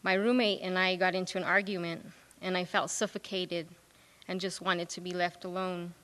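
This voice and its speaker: A woman's voice: lowish voice, level tone, normal speed, fairly bright tone. Young woman's reflective monologue in a hall. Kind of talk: performed personal monologue. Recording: reverberant hall.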